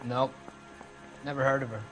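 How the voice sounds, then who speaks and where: An actor playing a cornered car thief, defensive and slangy, in a 1940s crime video game. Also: male voice, medium pitch, flat delivery, normal speed, faint music behind, natural voice, poor audio. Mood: defiant. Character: defiant, cornered male car thief under police questioning.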